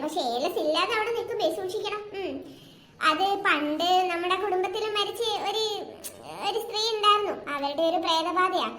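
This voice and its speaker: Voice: very high voice, bright, forceful tone, echoey room, full character voice. A performer voicing a young man in a cartoon, answering a phone call and brushing off the worry about a ghost. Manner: casual, reassuring, offhand.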